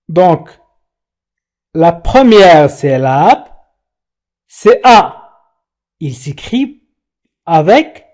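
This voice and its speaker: Very slow, lively-pitched French teacher. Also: male voice. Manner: spells out letters and syllables slowly. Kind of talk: slow pronunciation lesson.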